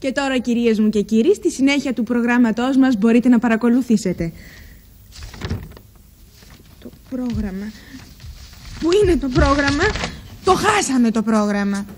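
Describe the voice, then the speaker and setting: A woman's voice: fairly high pitch, natural voice. An actress playing a prim, self-important woman TV presenter. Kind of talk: sitcom acting.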